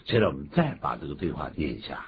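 A low-voiced man hosts a radio language lesson, his pitch swinging widely as he explains with emphatic, teacherly energy. The sound is thin and phone-like, with a faint hiss underneath. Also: big pitch swings, fast talker. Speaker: radio English lesson host. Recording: tinny phone-like band, faint noise.

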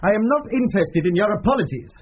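A man's voice: high voice, expressive, fast talker. A man playing a stern, haughty college student, formal, precise and disapproving, in a period radio drama. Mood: cold disapproval. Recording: muffled, noisy radio recording.

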